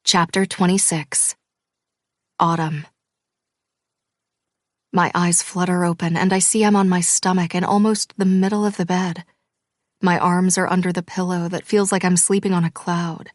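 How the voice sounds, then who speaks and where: Woman narrating in an even, low voice. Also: no echo, clean studio sound. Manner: even, measured reading. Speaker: audiobook narrator. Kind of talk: scripted first-person audiobook narration.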